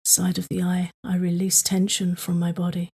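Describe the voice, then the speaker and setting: A woman leading a guided tapping meditation for sleep, speaking in slow, soothing, repetitive prompts. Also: lowish voice, monotone, a little mellow, breathy edge.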